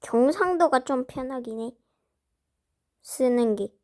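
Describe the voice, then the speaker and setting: A woman with a slightly high voice narrates at an unhurried pace while drawing. She muses aloud and talks to herself as she works. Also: lively intonation, darkish tone. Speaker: drawing vlogger.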